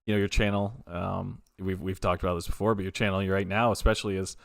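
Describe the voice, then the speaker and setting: Low-voiced man hosting, close dry sound. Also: little pitch movement, quick pace, creaky, no echo. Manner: effusive, informal, rambling questions. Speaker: livestream host. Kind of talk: casual interview chat on a livestream.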